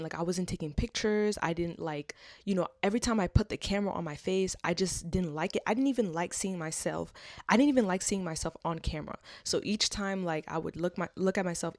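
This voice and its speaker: Low-voiced young woman vlogging. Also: darkish tone, no room sound, studio quality. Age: 20s. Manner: rambling and chatty, with frequent fillers and tag questions. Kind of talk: scripted narration, then casual personal chat.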